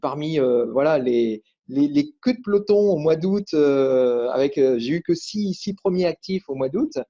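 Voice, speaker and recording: A man's voice: on the high side, expressive, normal speed, dark tone, dull audio. A man hosting a casual interview, talking hesitantly with many fillers and restarts. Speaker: host, affiliate coach.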